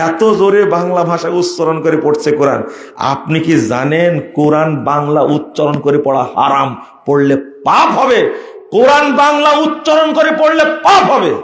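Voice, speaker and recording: A man preaching an impassioned sermon, often shouting and scolding his listeners. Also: on the high side, reverberant. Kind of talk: fiery sermon.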